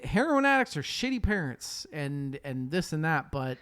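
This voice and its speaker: A man's voice: on the high side, big pitch swings, moderate pace, fairly bright tone, smooth. A man hosting a casual podcast, chatty and swearing, often restarting his sentences. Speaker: podcast host.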